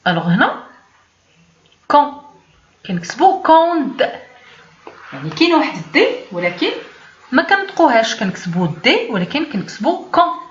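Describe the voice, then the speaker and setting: A Moroccan-accented woman gives a beginners' lesson, her higher voice rising and falling as she repeats each word for the learner. She explains patiently in a teacher's cadence. The sound is echoey and slightly dull, like a lo-fi recording in a bare room. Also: very animated, fast, fairly bright tone. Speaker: French teacher. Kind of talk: language lesson.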